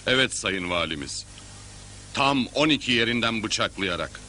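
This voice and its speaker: An actor playing a deferential but insistent innkeeper, speaking formally and pressing an accusation in a period drama. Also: male voice, lowish voice, lively intonation, normal speed, bright, forceful tone, slight background noise. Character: insistent, deferential male innkeeper accusing before his governor.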